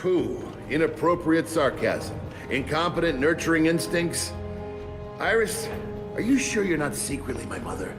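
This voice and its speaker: An actor playing a sardonic male engineer who talks in quick sarcastic quips. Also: on the high side, very animated. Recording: game music behind.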